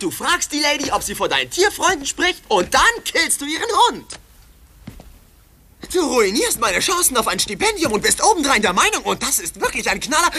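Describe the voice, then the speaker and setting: A woman's voice: high-pitched, sharp tone, slight background noise, exaggerated voice. A woman dubbing a self-centered, ambitious teenage boy who talks in an indignant, then pleading way. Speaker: dub actor.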